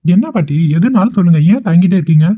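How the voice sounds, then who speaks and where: A man's voice: sits high, expressive, very fast, breathy edge, dry recording. A man voicing an earnest, caring young husband in a cartoon. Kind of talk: cartoon voice acting. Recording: thin phone-like recording.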